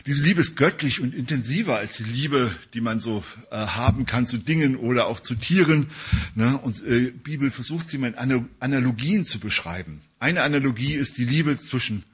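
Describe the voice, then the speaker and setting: A man's voice: mid-range voice, expressive, moderate pace, a bit bright, husky. A man preaching a casual sermon to a congregation in a conversational way, with frequent tag questions and hesitations. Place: church service.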